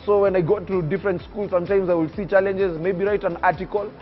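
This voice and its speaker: With a high-pitched, steady voice and a fast delivery, a nineteen-year-old Kenyan man tells his life story on TV. He is a young public speaker, and he speaks earnestly, emphatically and oratorically, with a preacher's cadence. The recording is muffled, with soft music in the background.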